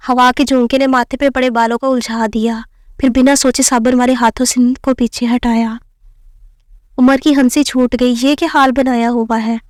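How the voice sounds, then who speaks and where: A woman narrating a romance novel in a steady reading voice. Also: a little high, dry recording, studio quality. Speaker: story narrator.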